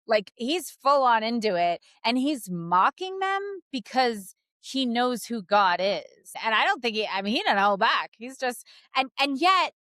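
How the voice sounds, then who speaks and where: A woman co-hosting a casual Bible discussion, animated and expressive, laughing easily. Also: fairly high pitch, measured pace, hardly any pauses, dry recording, clean studio sound.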